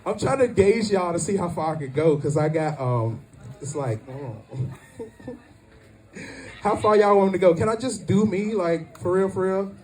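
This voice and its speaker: A man in his thirties performing a stand-up comedy set at a family reunion, loud and animated, shouting his punchlines. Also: high voice, moderate pace, distant mic, a little hiss or hum.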